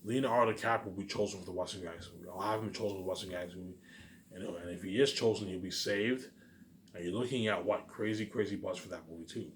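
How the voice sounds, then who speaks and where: In a noisy amateur recording, a deep-voiced man talks at a quick pace, musing aloud like a vlogger in a casual, rambling, repetitive monologue.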